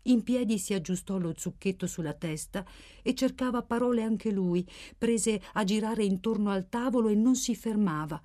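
A woman narrating a novel in a measured, expressive reading style. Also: mid-range voice. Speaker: audiobook narrator. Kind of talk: literary narration.

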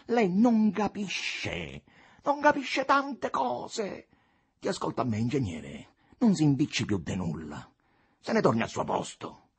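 A man's voice: mid-range voice, breathy edge, voice pushed up, full character voice. A man doing a mocking, condescending male politician. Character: arrogant scornful male politician, middle-aged.

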